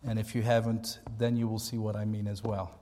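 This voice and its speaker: American pastor talking in an echoey hall. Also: male voice, lowish voice, level tone, a little fast, mellow. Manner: conversational, emphatic repetition. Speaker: pastor, seminar speaker. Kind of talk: informal church training talk. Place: large hall, speaking to a group. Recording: echoey hall with long reverb.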